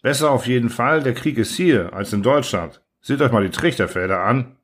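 A man's voice: medium pitch, lively intonation, moderate pace, close to an everyday voice. Give me an emphatic, impatient young soldier as a man reads him.

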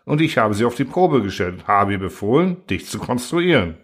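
A man voicing a sly, gleeful male robot constructor who mocks and coaxes in a raised, lively voice. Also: medium pitch, fairly quick. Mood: gloating. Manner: mocking, cheerful cruelty.

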